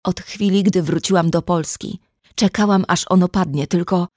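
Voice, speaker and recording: A woman's voice: on the low side, fairly even intonation, normal speed, a little mellow, dry recording, studio quality, natural voice. Woman reading as Daniela, a bitter red-haired girl. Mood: anguished. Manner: tearful, cutting accusations.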